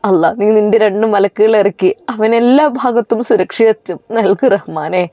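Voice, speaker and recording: A grieving old mother pours out a sobbing prayer for her departing son, as a woman storyteller puts her on. The voice is mellow and warm, set close and dry with no room around it. It reads like a storybook scene, plain and heartfelt. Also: medium pitch, moderate pace, no echo, natural voice. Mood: tearful pleading. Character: tearful devout old mother praying for son.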